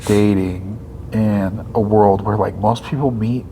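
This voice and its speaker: A man in his thirties with a somewhat low voice, co-hosting a laid-back faith podcast. He thinks out loud and keeps checking in with a quick "right?" as he talks. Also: steady tone, a little hiss or hum, low-quality recording. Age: 30s. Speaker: podcast co-host. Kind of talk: casual faith podcast chat.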